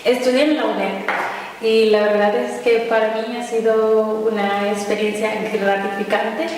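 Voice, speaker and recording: A woman's voice: on the high side, flat delivery, a little slow, darkish tone, a little hiss or hum. A woman in her twenties from the Dominican Republic, a student giving a short personal statement at a round-table event, hesitant with many fillers and restarts. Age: 20s. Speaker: student speaker. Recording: echoey hall, distant mic.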